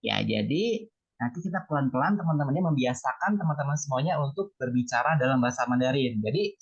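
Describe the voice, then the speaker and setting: A woman's voice: a bass voice, lively intonation, fast talker, breathy edge. A woman teaching a beginner Mandarin class online over a video call, encouraging students and calling on them by name. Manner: encouraging, calls on students by name, repeats syllables. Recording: slightly dull lo-fi sound.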